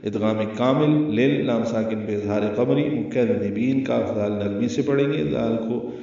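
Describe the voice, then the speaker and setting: A man with a Pakistani Urdu accent teaching Quran recitation rules, explaining each sound slowly and carefully. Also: mid-range voice, creaky, dark tone. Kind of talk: tajweed lesson with chanted recitation. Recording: very echoey, distant, slightly muffled.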